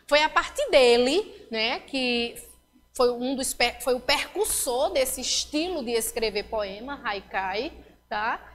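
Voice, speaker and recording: Brazilian woman teacher, highish voice, explains step by step and keeps asking "ok?", kinda echoey room. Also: fairly bright tone, a little hiss or hum. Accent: Brazilian Portuguese. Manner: explanatory, checks in with frequent tag questions. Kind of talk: recorded classroom lesson.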